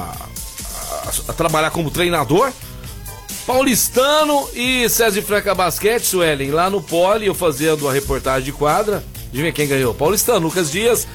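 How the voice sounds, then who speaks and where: High-voiced, colloquial Brazilian radio host. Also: male voice, a bit bright. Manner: colloquial, punchy, repeats phrases for emphasis. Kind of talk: casual live radio chat and ad reads. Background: music.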